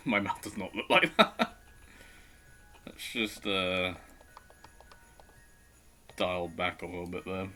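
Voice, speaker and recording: Deep-voiced man chatting while drawing. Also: slow pace, pauses often, pushed and bright, soft background music. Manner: self-deprecating, chatty, thinking aloud. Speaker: streamer. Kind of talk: casual live-stream commentary while drawing.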